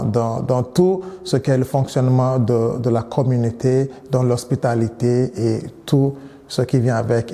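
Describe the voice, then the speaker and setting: A man in his thirties from Nigeria, a priest giving interview answers in a measured way, often restarting and repeating words. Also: medium pitch, warm tone, long reverb tail.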